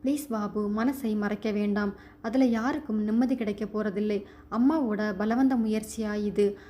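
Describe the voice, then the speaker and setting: A woman's voice: mid-range voice, fairly even intonation, a little slow, warm tone, natural voice. A woman voicing a composed young woman who runs an estate and speaks frankly, in a storybook reading. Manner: direct, composed. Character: young woman running an estate, calm and perceptive.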